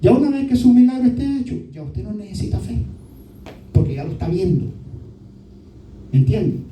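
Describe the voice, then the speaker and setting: A male pastor preaches a sermon and keeps checking in with his listeners through short tag questions. His voice is dark and mellow. It echoes around a roomy hall from a distant mic, with faint noise behind. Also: high-pitched, sing-song, normal speed. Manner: often adds "¿verdad?" as a tag question.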